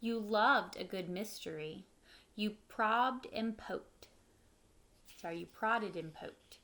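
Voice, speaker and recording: This woman's voice is medium in pitch, slow, and sharp in tone, with slight background noise. She's in her thirties, reading a picture book expressively to children in a home living room and adding brief, simple asides the way a teacher would.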